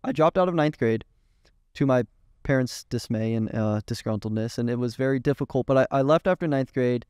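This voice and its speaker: A young man in his twenties, a guest in a casual interview, telling animated stories and acting out what others said. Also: medium pitch, fairly quick, smooth, dry recording, clean studio sound. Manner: animated, swearing, quoting others in dialogue. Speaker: guest, agency owner.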